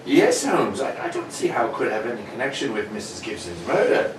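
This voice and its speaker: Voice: mid-range voice, big pitch swings, a little fast, lightly acted. An actor playing a loyal, puzzled doctor sidekick, blustering and hesitant, in an old radio mystery style. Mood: mildly puzzled. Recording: roomy, distant, clearly noisy recording.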